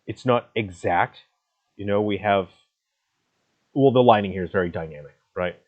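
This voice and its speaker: A man, a game artist, giving relaxed, playful commentary on character design, slipping into mock-teacher asides and chuckling at his own jokes. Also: on the low side, moderate pace, muffled recording. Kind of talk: casual video commentary.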